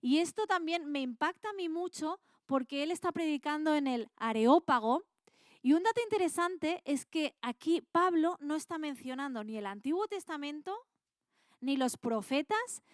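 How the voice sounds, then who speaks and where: A woman's voice: high-pitched, animated, moderate pace, no room sound, studio quality. A woman with an accent from Spain, teaching a Bible class in a casual, colloquial way and quizzing her students with questions.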